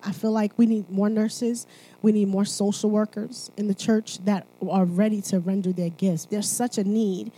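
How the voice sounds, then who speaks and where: A Haitian woman at church talks at normal speed in a steady, mellow, mid-range voice, though the audio quality is poor. She moves between sermon and personal testimony, conversational and emphatic, frequently checking in with her listeners.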